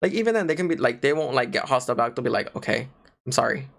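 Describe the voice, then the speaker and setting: A man's voice: mid-range voice, racing. Rambling young man, casual podcast chat. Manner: rambling, lots of "like" fillers, animated. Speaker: podcast co-host.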